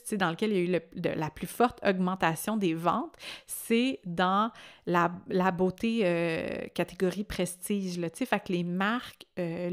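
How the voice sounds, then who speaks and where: A woman in her late thirties with a Québécois French accent, hosting a podcast in a chatty, reflective monologue and laughing often. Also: fairly low pitch. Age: late 30s. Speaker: podcast host.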